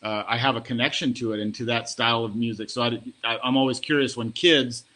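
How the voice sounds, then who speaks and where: A male host chatting casually with musicians in an event tent, relaxed and joking. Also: medium pitch, fairly quick. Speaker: show host interviewing musicians. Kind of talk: casual interview chat.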